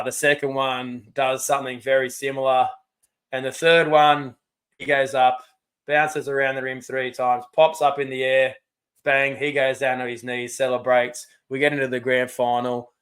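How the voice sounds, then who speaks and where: A man co-hosts a casual sports podcast. He tells fond stories at an even, middling pitch, and his heartfelt, nostalgic delivery carries through the chat. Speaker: podcast co-host.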